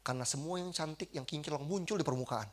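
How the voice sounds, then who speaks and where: A man giving a lively testimony as a preacher, acting out quotes and swinging between loud bursts and hushed passages. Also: fairly high pitch, quick pace.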